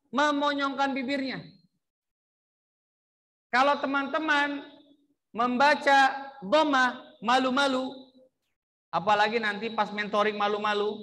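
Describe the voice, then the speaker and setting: Teacher, man, slow deliberate recitation drills, very high bright voice. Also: long reverb tail. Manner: demonstrates vowel sounds and has the class repeat.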